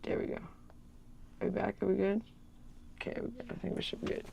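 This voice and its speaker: A woman on a casual livestream, muttering to herself while switching her earbuds between ears, her voice drifting quiet and away from the mic. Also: mid-range voice, flat delivery, fairly quick, creaky, a little hiss or hum. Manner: rambling, filler-heavy talk.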